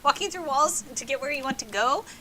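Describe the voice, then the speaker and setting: A woman's voice: high voice, expressive, brisk, sharp tone, a little hiss or hum, rough recording. A woman voicing a bubbly, morbid party-girl ghost who talks in hyper, squealing exclamations.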